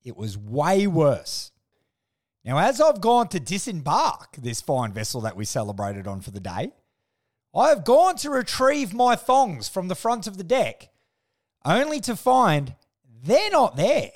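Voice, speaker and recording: A man's voice: high-pitched, wildly swooping pitch, measured pace. A man with an Australian accent hosting a podcast in slangy, sweary, blokey tradesman style, telling stories casually and comically. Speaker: podcast host. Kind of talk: casual comic monologue and storytelling.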